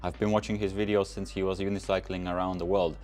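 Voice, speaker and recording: Answering chat on a livestream, a young car-channel host from Latvia, a non-native English speaker, talks quickly in a low, level, slightly mellow voice. His replies are casual and rambling, packed with fillers and false starts.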